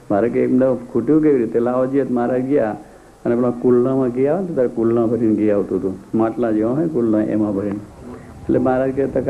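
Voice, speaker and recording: A man giving a devotional discourse, telling stories with repeated, emphatic phrases. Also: medium pitch. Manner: storytelling, repetitive emphatic phrasing. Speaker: religious speaker. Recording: tinny phone-like, faint noise.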